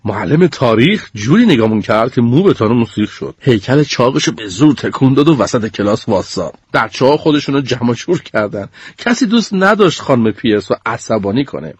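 A man reading a children's story aloud in a playful, animated way, often chuckling. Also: mid-range voice, hardly any pauses, husky, dry recording, dull audio. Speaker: narrator.

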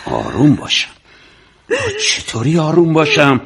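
A man's voice: fairly high pitch, wildly swooping pitch, vocal fry, fairly bright tone, full character voice. An actor playing a stern older father who mocks and scolds his grown daughter. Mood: scolding. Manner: scolding, mocking. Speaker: family father. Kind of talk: TV drama acting.

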